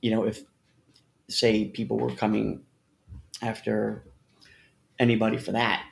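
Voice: medium pitch, little pitch movement, unhurried, gravelly. A podcast co-host, bantering bluntly with heavy swearing and sarcasm. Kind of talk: casual crude banter.

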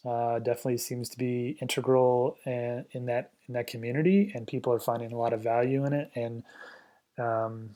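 A man co-hosting a podcast, asking guests questions in a relaxed, thoughtful way, often trailing off quietly. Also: mid-range voice, brisk. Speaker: podcast co-host. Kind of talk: conversational interview.

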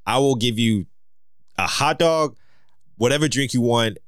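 A man co-hosting a casual sports podcast, reading league standings in a steady listing way and laughing often. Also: mid-range voice, measured pace, clear, resonant tone, no echo, studio quality. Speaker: podcast co-host.

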